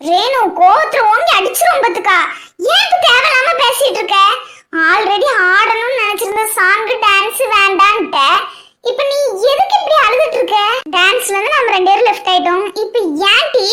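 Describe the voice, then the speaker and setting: A woman voicing a caring young college friend in a cartoon, loud and insistent as she pushes her friend to talk. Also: very high voice, moderate pace, noisy background. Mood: scolding.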